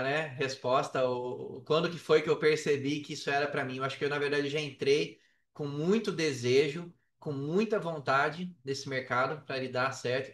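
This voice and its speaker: A Brazilian affiliate marketer, speaking at a medium pitch with a Brazilian Portuguese accent, casually shares personal stories as a podcast guest. He often repeats words and checks in with the listener. The room is echoey and he sits distant from the mic.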